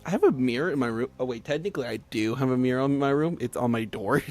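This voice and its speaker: A man's voice: medium pitch, quick pace, darkish tone, soft background music. A man streaming a story game, reading it aloud with giggly, chatty asides.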